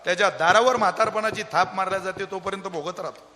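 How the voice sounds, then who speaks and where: A man's voice: high voice, quick pace, bright, forceful tone. A man preaching a devotional kirtan sermon, dramatically acting out a mother and her crying child in his storytelling. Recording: long hall reverb.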